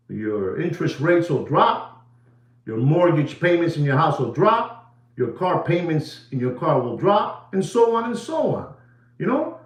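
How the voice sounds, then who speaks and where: Chatting casually on his livestream from an echoey room, this New York man speaks with a Puerto Rican accent and a fairly high pitch. He rambles, leaning on lots of fillers and dropping in some Spanish.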